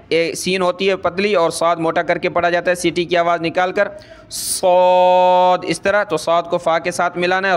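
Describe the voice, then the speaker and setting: A man with a Pakistani Urdu accent teaching Quran recitation, chanting verses slowly and melodically, then explaining pronunciation rules at a brisk pace. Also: high voice, clear, resonant tone. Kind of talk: tajweed lesson, slow chanted recitation alternating with quick explanation.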